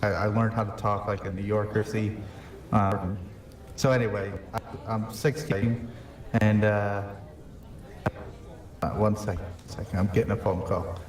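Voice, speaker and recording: This man's voice sits low with little rise and fall, and he takes his time, sounding close to his everyday speech. Recorded far from the mic in an echoey space, he improvises a boastful young hitman from New York in game voice chat. He rambles and hesitates through the character's backstory, leaning on "you know" constantly.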